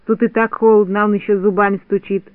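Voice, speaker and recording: A man's voice: high voice, little pitch movement, fast talker, dry recording, natural voice. Guy doing a grumpy little kid, muttering complaints, tinny dry audio. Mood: grumbling. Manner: grumbling, complaining. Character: grumpy, suspicious little boy shorty.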